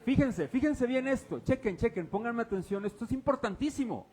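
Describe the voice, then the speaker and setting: A man's voice: extremely high pitch, lively intonation, brisk, a little mellow. A man preaching a sermon as pastor, firing casual, teasing questions at his congregation during a church service. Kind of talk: interactive sermon.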